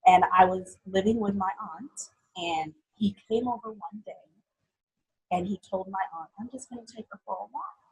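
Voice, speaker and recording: A young woman from Haiti, a guest telling her life story in an interview in an earnest, halting way. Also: medium pitch, slightly rough, rough recording.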